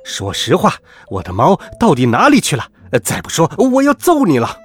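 A hot-tempered, burly bald man barks gruff threats in a children's story, as a man acts him out. His voice is slightly husky and he talks in lively jumps. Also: on the high side, moderate pace, soft background music, heavily acted. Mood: threatening. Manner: gruff threats, then panicked yelling.

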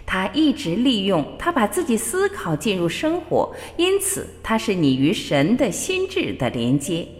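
A woman radio host giving a measured, expressive spiritual reading with storytelling. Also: mid-range voice. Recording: long reverb with faint background music. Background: faint music.

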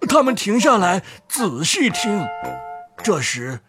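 A storyteller reading a fairy tale aloud, slow and expressive with drawn-out phrases. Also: mid-range voice, over music.

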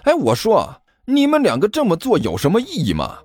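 Dude doing a cranky swearing student, yells a lot, voice pushed up high. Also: male voice, huge pitch swings, normal speed, dry recording, soft background music. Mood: exasperated. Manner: exasperated, shouting, impatient. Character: brash loud male student, quick to swear.

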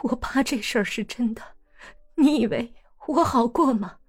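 A woman's voice: fairly high pitch, normal speed, husky, pitched above the performer's own voice. A woman voicing a hurt young wife who speaks in a subdued, cold, strained way in an audiobook.

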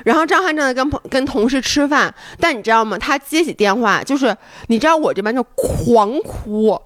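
A woman's voice: high-pitched, fairly quick, no room sound, clean studio sound. A woman hosting a podcast, telling a story in casual chat and acting it out with sudden shrieks and laughter. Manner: animated, breaks into shrieks and laughter when reenacting. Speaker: podcast host.

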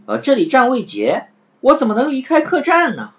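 A woman voicing a clever, witty trickster man who teases and calls out loudly. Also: wildly swooping pitch, normal speed, faint music behind, full character voice. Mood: playful. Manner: playful, loud and high.

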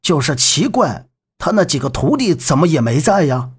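A man voicing a blunt, bossy elderly village uncle in an audiobook, with a husky voice. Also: fairly high pitch, sing-song, normal speed, full character voice. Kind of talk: audiobook character voice.

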